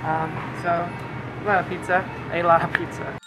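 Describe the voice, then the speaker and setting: A man's voice: fairly high pitch, level tone, moderate pace, vocal fry, very noisy. Young man vlogging in a grocery store. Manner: chatty, thinking aloud with ums while reading labels. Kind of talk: casual handheld vlog. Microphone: handheld camera mic.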